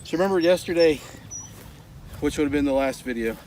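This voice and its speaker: A man's voice: fairly high pitch, fairly quick, slight background noise. A man vlogging casually outside in his garden, slightly out of breath and chatty with lots of fillers. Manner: chatty, excited, loose with fillers. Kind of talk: casual chat. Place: outdoors in a rural garden.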